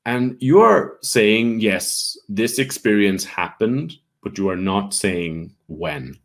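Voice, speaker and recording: A man's voice: lowish voice, animated, slow. A man from Ireland with a light Irish accent, teaching an English grammar lesson and checking in often with "right?" and "all right?". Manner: patient, repeats with frequent "right?" checks.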